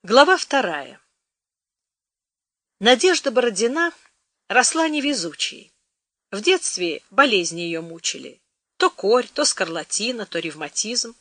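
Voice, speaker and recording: Woman narrator for an audiobook, animated folksy telling, dry close sound. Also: a little high, measured pace, pauses often, no room sound. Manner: lively folksy storytelling.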